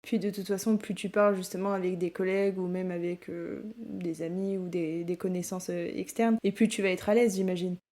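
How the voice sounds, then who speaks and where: A woman hosting a podcast, asking relaxed, conversational questions. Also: fairly low pitch, brisk, few pauses. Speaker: podcast host. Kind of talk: casual interview.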